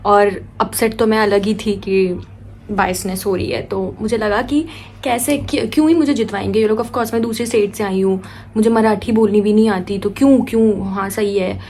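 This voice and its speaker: A young woman vlogger telling a personal story in a lively, animated way, switching between Hindi and English and acting out her own quoted lines. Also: mid-range voice, moderate pace, a little hiss or hum. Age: young adult. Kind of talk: casual storytelling vlog.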